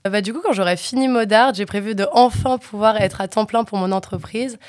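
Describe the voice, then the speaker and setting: A woman's voice: medium pitch, brisk, no room sound. Chatty young woman, dry close sound. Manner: chatty, many fillers. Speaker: fashion communication student. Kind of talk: casual spoken testimony.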